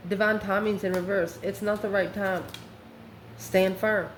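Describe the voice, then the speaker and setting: A woman hosts her channel with a casual, conversational tarot reading, recorded in an echoey room with noticeable background noise. Her middle-pitched voice stays fairly even and a little slow. She's chatty and informal, chuckling often and wandering off into rambling asides.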